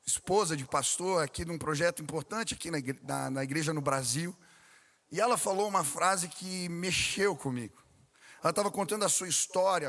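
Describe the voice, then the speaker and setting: A man's voice: on the high side, a bit bright, long reverb tail. A man preaching a sermon as pastor, telling a story and acting out the voices of the people in it. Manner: storytelling preacher, acts out dialogue with rising intensity.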